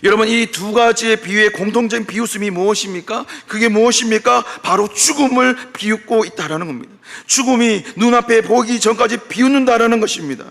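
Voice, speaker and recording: A man preaching in a church sanctuary, his voice pitched high and bright with a gravelly edge. He tells the stories with lively delivery, briefly acting out each character. A long hall reverb trails behind every phrase. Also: fairly quick, few pauses. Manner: animated storytelling, acting out biblical speakers. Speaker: pastor. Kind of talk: sermon.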